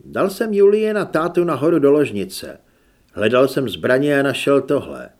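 A male audiobook reader voicing an easygoing young man who reports things plainly and is quick to apologize. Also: medium pitch, very animated, a little mellow. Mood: matter-of-fact.

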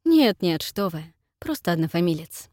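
A gentle young man talks softly and politely, as a woman narrator reads him. His lines move up and down in pitch, with a dry, close sound. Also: very animated, moderate pace, no echo. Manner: soft-spoken and courteous.

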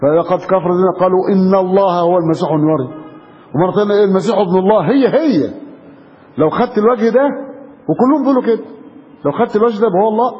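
An Egyptian man gives a religious lecture at a brisk pace, keeps putting questions to his listeners and answers them himself. His voice sits high. The recording is muffled and rings in a large hall. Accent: Egyptian Arabic. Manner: emphatic, questioning the audience. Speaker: preacher. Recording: dull echoey hall recording.

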